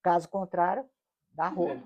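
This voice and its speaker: A woman's voice: lowish voice, normal speed, highs cut off. A middle-aged woman with a Brazilian Portuguese accent teaching a Bible study lesson, explaining patiently and often asking her listeners rhetorical questions.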